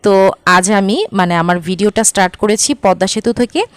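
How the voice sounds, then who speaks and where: A woman's voice: medium pitch, normal speed, clean tone, no echo. A young woman from Bangladesh chatting as a travel vlogger, full of fillers and coaxing her viewers. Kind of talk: casual travel vlog narration.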